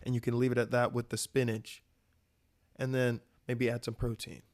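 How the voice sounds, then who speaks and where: A man's voice: mid-range voice, level tone, normal speed, darkish tone. A young man from the American South hosting a casual solo podcast, talking about food with enthusiastic, rambling energy and casual swearing. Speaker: podcast host.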